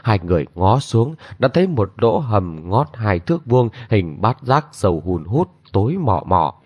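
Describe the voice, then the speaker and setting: Brief: male storyteller, low and lively, dramatic narration, dry dull lo-fi sound. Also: moderate pace, husky, no room sound. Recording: dull lo-fi recording.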